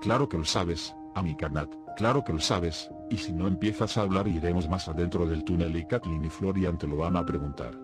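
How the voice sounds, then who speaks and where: A man reading the lines of a young girl who questions another child in a calm, threatening way. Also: low-pitched, brisk, hardly any pauses, natural voice. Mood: coldly threatening. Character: cold, menacing little girl interrogating another. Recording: music playing behind the voice.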